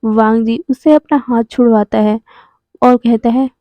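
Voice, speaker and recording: A woman narrates a love story in a chatty, casual way, slipping in small fillers as she goes. Her voice is high and bright. The recording is close and dry, a little dull in tone. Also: steady tone, unhurried, dry recording. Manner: conversational, adds fillers like "ना" and "मतलब".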